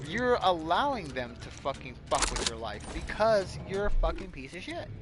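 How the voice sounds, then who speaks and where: A man with a slightly high voice rants casually and bluntly over loud music. He swears freely as he makes his points in loose, conversational talk. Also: sing-song, moderate pace. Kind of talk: casual chat, ranting.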